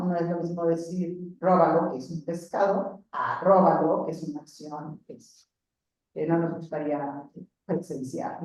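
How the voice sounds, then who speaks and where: A woman's voice: lowish voice, dark tone, dull audio. A woman giving an academic conference lecture, explaining step by step and often checking in with the audience. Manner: explanatory, repeats words, frequent "¿no?" check-ins. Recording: very echoey hall, voice from far off.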